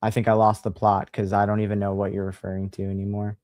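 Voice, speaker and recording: A man hosting a livestream, chatting casually and reading a horror book aloud in a relaxed, sighing manner. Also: on the low side, fast talker, no room sound, clean studio sound. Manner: relaxed, sighing, laid-back.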